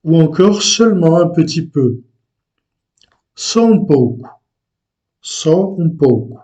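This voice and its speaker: Guy teaching a language lesson, slow and halting, dark mellow voice, kinda high for a man. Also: lively intonation. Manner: slow and deliberate, with frequent hesitations.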